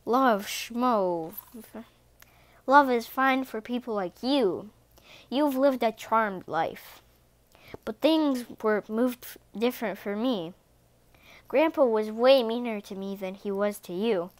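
Grumpy bitter cat dad, sour and scolding, slow, read by a woman. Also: a little high, no echo.

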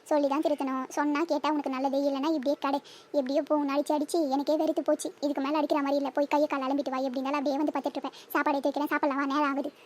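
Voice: high voice, close to an everyday voice. A voice actor playing a village mother in a cartoon, lecturing her children at length. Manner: scolding, lecturing. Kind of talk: cartoon voice acting.

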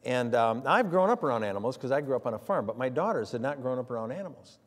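A man's voice: medium pitch, big pitch swings, quick pace. Older man, folksy sermon, long church reverb. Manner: folksy storytelling with many fillers. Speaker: preacher. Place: church sanctuary.

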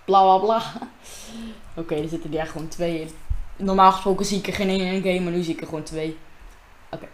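A woman's voice: fairly low pitch, fairly even intonation, quick pace. Female gamer, casual running commentary into a desk mic; echoey home room with faint noise. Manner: chatty, talks to herself and viewers while playing. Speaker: gamer narrating her own gameplay. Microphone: desk microphone.

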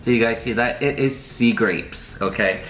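A man with a mid-range voice and a fairly bright tone hosts a casual vlog at a moderate pace. He chats and jokes with his viewers, dropping plenty of ums, in an echoey room with faint music in the background.

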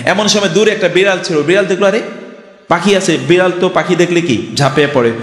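A man's voice: high-pitched, fast talker. An older man from Bangladesh giving a Friday sermon, emphatic, full of rhetorical questions and storytelling. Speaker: preacher. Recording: echoey hall reverb.

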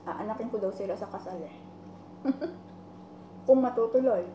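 A woman's voice: medium pitch, moderate pace. A woman vlogger chatting casually while chewing her food during a meal. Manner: chatty, giving shoutouts between bites. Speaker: mukbang vlogger. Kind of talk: casual chat while eating. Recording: echoey room with clear noise.

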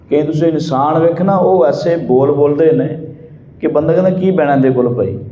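A man with a Punjabi accent, a Sikh preacher giving a sermon who slowly half-sings scripture verses and then explains them plainly. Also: fairly high pitch, roomy sound, lo-fi sound.

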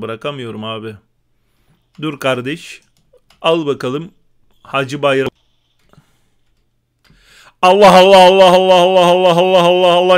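A young man giving joking, excitable live commentary while playing an online shooter game, often shouting exclamations. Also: a little high, smooth. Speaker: gaming YouTuber.

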